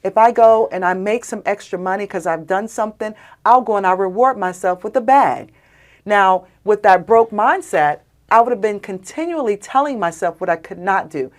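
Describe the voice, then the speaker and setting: A woman, a guest on a podcast, telling personal stories in an animated, emphatic, conversational way. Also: mid-range voice, normal speed. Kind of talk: conversational storytelling.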